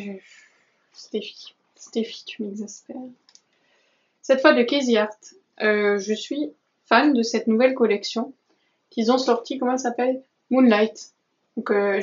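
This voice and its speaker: A woman talks casually in a vlog, her voice sitting a little high as she gushes over each item, pausing and hesitating often. The sound is muffled and lo-fi, like a simple home recording. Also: darkish tone. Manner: enthusiastic, gushing, many hesitations and asides. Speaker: vlogger showing a craft supply haul. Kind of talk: casual chatty vlog talk.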